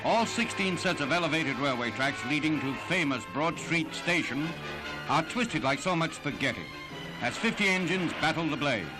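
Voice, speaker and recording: A man's voice: fairly high pitch, expressive, normal speed, music in the background, rough recording. A man giving punchy, dramatic old newsreel narration.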